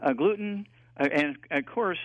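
A man's voice: on the high side, fairly bright tone, dry recording. Eighty-year-old man on a phone line. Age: 80s. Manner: rambling, halting with many fillers. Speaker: guest health expert. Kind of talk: radio call-in health talk.

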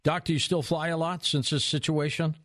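A man's voice: fairly high pitch, level tone, a little fast, a bit bright, no echo. Chatty male radio host in studio. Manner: casual, chatty questions. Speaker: radio talk show host. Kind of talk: radio call-in talk.

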